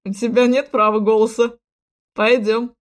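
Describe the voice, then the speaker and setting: A woman voicing an arrogant young male prince who speaks loudly and mockingly in an audiobook. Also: fairly high pitch, level tone, normal speed, natural voice. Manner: loud, sneering, clipped commands.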